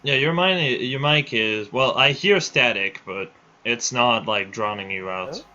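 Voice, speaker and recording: A man's voice: medium pitch, unhurried, pushed and bright. Streamer host, male, headset livestream audio, rambling casual delivery, lo-fi sound. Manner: rambling, restarts often. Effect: livestream headset mic audio. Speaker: livestream host running a build showcase. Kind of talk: casual live-stream chat.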